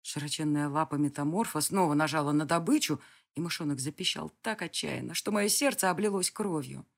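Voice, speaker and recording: Expressive first-person audiobook narration. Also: medium pitch, a little fast, creaky. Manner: lively, expressive reading.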